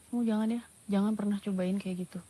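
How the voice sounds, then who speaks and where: A woman playing a gentle, concerned mother with a husky voice in a naturalistic screen drama. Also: medium pitch, fairly even intonation, fast, close to an everyday voice. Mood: earnest, advising. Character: gentle, concerned mother advising her teenage son.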